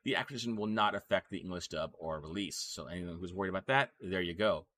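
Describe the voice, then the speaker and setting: A man chats loosely as host of an anime news podcast, full of fillers and restarts. His voice sits a little low. Its tone is bright and forceful. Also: quick pace. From Texas. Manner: rambling, lots of fillers and restarts. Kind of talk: casual anime news chat.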